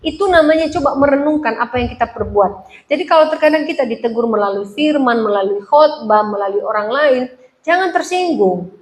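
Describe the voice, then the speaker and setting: Woman preacher, light high voice, chatty teaching sermon with asides to the pews. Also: lively intonation, fairly quick. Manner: conversational, asks the congregation questions, laughs at her own jokes. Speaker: pastor.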